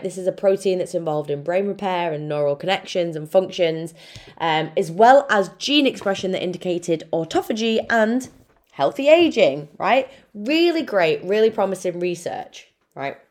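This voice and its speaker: Frank, sweary Irish woman with a low voice. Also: a little mellow. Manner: frank and chatty, swears freely, addresses listener as babe. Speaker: nutritionist podcast host. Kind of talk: casual solo podcast talk.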